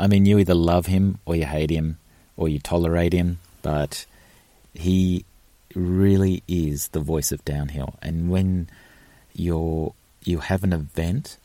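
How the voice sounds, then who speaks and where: A man with a low, mellow voice tells a story with eager, rambling energy, full of "like" and "you know". He is recorded close and dry, with no room sound. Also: dry recording. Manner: enthusiastic, rambling with fillers and restarts. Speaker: event organiser. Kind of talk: animated storytelling.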